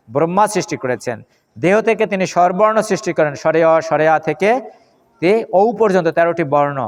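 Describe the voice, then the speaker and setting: His voice sits high as he leads a devotional lecture on scripture, chanting mantras unhurriedly. The religious lecturer walks through their pronunciation and keeps asking his listeners questions.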